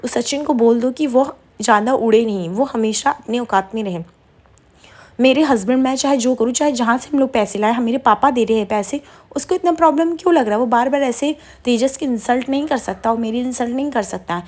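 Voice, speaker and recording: A woman's voice: on the high side, a little fast, hardly any pauses, darkish tone. A woman voicing a haughty, defensive young wife from a TV serial, who scolds in an indignant way.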